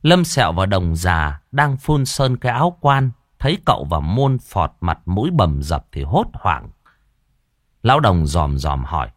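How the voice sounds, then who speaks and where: A man's voice: low-pitched, a little slow, no room sound, studio quality. A man telling a comic ghost story vividly. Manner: lively, vivid narration.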